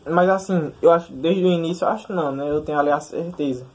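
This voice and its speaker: A man's voice: fairly high pitch, quick pace, a little mellow, husky. A young man telling his side of a personal story casually, searching for words and often adding tag questions. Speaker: testimony speaker. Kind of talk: casual conversational testimony.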